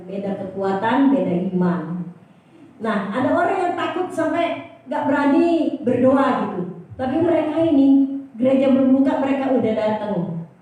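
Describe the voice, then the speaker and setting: Older woman pastor, sermon, fairly high and mellow voice, echoey church heard from a distance. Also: normal speed. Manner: lively, repeats the key phrase, asks the congregation questions. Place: church hall.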